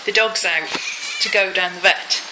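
A woman's voice: lowish voice, steady tone, normal speed. A British woman in her thirties chatting casually in a home vlog, slightly wheezy from a cold. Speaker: vlogger. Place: rooms at home, indoors. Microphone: handheld phone or camera. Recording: echoey room, some noise and clicks.

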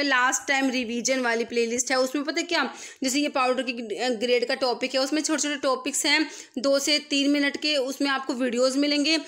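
Woman tutor, high voice, steady MCQ explainer. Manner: explains each answer and repeats key terms. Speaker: pharmacy exam tutor. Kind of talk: screen-recorded MCQ lesson. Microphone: voice-over on screen recording.

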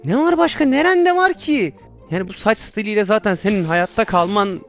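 A young-sounding man with a high, very lively voice chatters through a VR game, excitable and quick to exclaim as things go wrong. Faint game music plays under his voice. He talks casually, as if to friends. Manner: excitable, exclaiming and laughing at his own mishaps. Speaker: VR gameplay streamer. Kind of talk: casual gameplay commentary.

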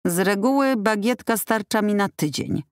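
A man's voice: high-pitched, animated, moderate pace, clear, resonant tone, dry recording, voice pushed up. A woman voicing a sarcastic, grumbling male chef in an audiobook, with a dry, reproachful tone. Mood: wry.

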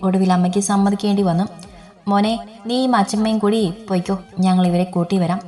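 A woman narrating a romance story in a steady, gentle storytelling manner. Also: medium pitch. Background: faint music.

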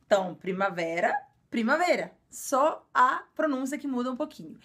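High-voiced Brazilian woman teaching. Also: lively intonation, fairly bright tone. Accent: Brazilian Portuguese. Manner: explains slowly and repeats words, frequent filler "é". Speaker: language teacher. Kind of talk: casual video lesson.

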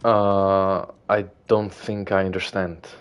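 A man in his twenties chatting casually while streaming a game, reading and answering chat with relaxed fillers. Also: deep voice, clean tone. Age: 20s. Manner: reads chat aloud, slow and relaxed with fillers.

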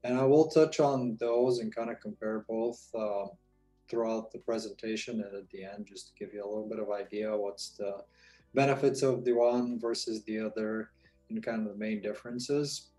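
Man, workshop presenter, warm mellow tone, relaxed talk, lots of ums. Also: on the low side, moderate pace, faint music behind, low-quality recording. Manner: casual, informal with many fillers. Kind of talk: live online presentation.

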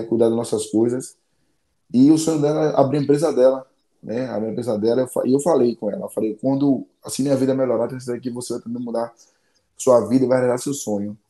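A man's voice: medium pitch, warm tone. Man, 30s, casual interview, rambling, repetitive, roomy echo. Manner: rambling, repeats phrases, slangy. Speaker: interview guest, MMA fighter.

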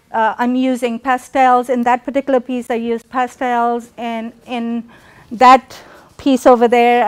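A woman's voice: a little high, smooth. Reflective woman giving a gallery talk. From Pakistan. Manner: reflective, halting with many fillers. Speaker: artist.

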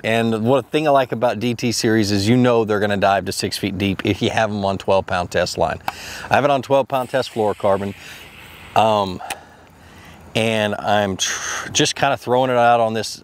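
A man in his thirties hosting a fishing video, casually explaining lures and rods from a boat on a lake, rambling with lots of fillers and restarts. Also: on the low side. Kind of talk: casual how-to narration while fishing.

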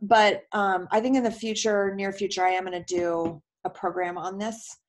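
A woman's voice: mid-range voice, level tone, moderate pace. A woman physical therapist explaining in a casual question-and-answer talk, chatty, with many filler words and homely comparisons.

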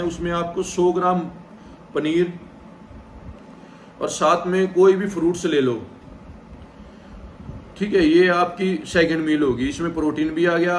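A man in his thirties, a gym trainer, calmly talking viewers through a vegetarian meal plan from a sofa at home, checking in with them often. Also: a little high, a little hiss or hum. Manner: direct, repeats "theek hai" to check in with viewers. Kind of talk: casual instructional vlog. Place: indoor room, seated on a sofa. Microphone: far camera, no visible mic. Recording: echoey room, mic set back.

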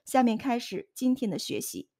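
A woman's voice: fairly high pitch, very animated, moderate pace, vocal fry, mellow, slightly rough. Woman explaining pronunciation step by step. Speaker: host and pronunciation tutor.

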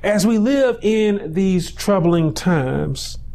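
This is a high-pitched pastor in his forties giving a sermon indoors in a small room, captured by a lapel mic. His intonation is lively and creaky, with slow, lingering phrases building to shouted climaxes.

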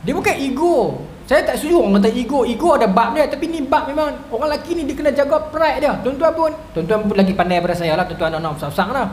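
A man's voice: very high-pitched, lively intonation, rapid-fire, hardly any pauses. A man in his thirties with a northern Malaysian Malay accent, giving a humorous religious lecture full of stories and asides to the audience. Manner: chatty, storytelling, keeps asking the audience "right?". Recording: echoey hall with faint noise.

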